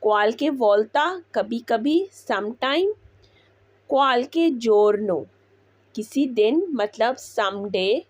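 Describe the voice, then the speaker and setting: A woman teaching Italian words, repeating each one slowly before explaining it. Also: fairly high pitch, lively intonation, no echo. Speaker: language teacher. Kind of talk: slow Italian vocabulary lesson.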